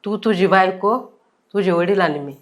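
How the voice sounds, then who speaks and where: A woman's voice: mid-range voice, moderate pace, close to an everyday voice. An actress playing a domineering older mother-in-law who gives orders and will not be argued with. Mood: commanding. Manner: bossy, insistent.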